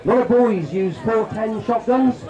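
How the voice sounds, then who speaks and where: A man's voice: high-pitched, normal speed, dark tone, reverberant, muffled recording. A man giving a jokey, chatty shooting demonstration to a crowd at an outdoor country show. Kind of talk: outdoor live demonstration talk.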